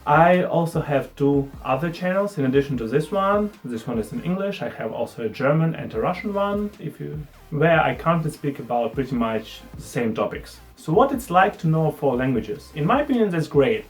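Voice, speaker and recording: A young Ukrainian man speaks to camera in his casual vlog, his accent noticeable and his manner friendly and self-deprecating. His voice sits on the high side with a sing-song lilt at a moderate pace, while faint music plays behind.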